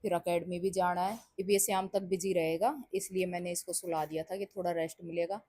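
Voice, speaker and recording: Chatty mom vlogger, 30s, kinda low voice, just telling the guys about her day. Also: flat delivery, a little fast, mellow, no echo. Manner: chatty, addresses viewers as guys, narrating her chores. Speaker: home vlogger and mother. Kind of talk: casual daily-routine vlog narration.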